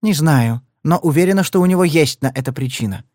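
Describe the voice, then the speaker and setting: A man's voice: on the high side, expressive, fairly quick, a little mellow, no echo, clean studio sound, close to an everyday voice. A male reader voicing a furious young gangster's woman who shrieks and mocks. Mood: shrill, scornful. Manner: shrieking, scornful.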